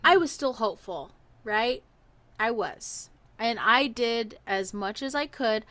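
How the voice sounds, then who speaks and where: A woman tells a personal story, casual podcast style, animatedly acting out what people said. Her voice is on the high side, and she takes it slowly.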